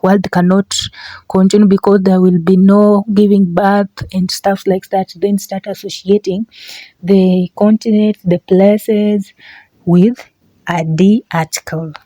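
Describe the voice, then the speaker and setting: A woman's voice: medium pitch, little pitch movement, takes it slowly, dark tone, no echo, rough recording. A woman giving an online language lesson as a teacher, repeating example words and often checking in with a short question. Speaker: teacher, video host.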